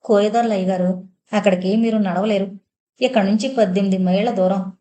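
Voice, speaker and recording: A woman's voice: mid-range voice, steady tone, fairly quick, mellow, close to an everyday voice. A woman reading the lines of a deferential rustic male village servant in an audio novel, with a country way of speaking. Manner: deferential rustic dialect speech.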